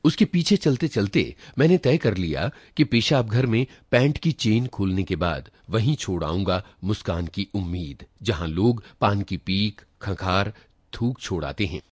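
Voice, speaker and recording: A husky-voiced man, pitched fairly low, reads a literary short story aloud from the first-person perspective at a measured pace. There's no room sound, and his reflective, dramatic telling features very animated shifts in pitch.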